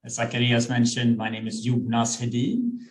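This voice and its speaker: A Swedish man in his thirties speaks English at a middle pitch, animated and a little mellow. As an executive recruiter and guest on a webinar presentation, he explains things in a friendly way, often pausing on fillers and restarting phrases. He's heard through a video call microphone.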